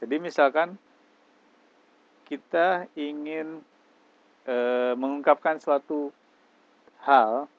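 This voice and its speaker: A man's voice: on the high side, fairly even intonation, takes it slowly, pauses often, no room sound, phone-quality sound. A man teaching English, explaining step by step and mixing English phrases into his lecture. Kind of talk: classroom lecture.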